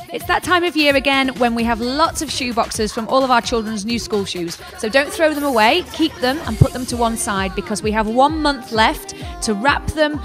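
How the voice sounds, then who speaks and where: A young woman presenting church news announcements into a handheld mic in a church café, upbeat and inviting. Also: a little high. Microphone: handheld microphone. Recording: music bed behind voice.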